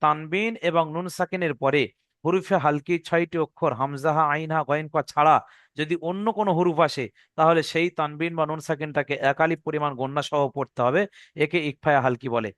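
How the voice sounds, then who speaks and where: একজন পুরুষ শিক্ষক, ধৈর্য ধরে বারবার নিয়ম বুঝিয়ে দেন এবং অক্ষরের নাম টেনে টেনে সুর করে বলেন।. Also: male voice, a little high, fairly even intonation, fairly bright tone, no echo, studio quality. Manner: patient, repeats rules slowly, drawn-out chanted letter names. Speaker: Quran reading teacher. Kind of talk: classroom lesson recitation.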